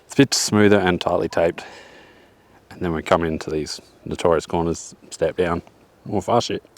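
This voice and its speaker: A man's voice: sits low, steady tone, moderate pace, slight background noise. A young man walking a downhill bike track outdoors, giving slangy, joking commentary while a bit out of breath. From Australia. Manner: laid-back, slangy, joking. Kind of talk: casual track walk commentary. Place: outdoors on a forest hillside.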